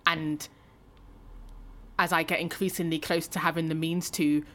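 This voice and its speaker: A woman co-hosting a podcast, reflecting aloud in a thoughtful, measured way. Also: deep voice, level tone, a bit bright. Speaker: podcast co-host. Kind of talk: reflective discussion.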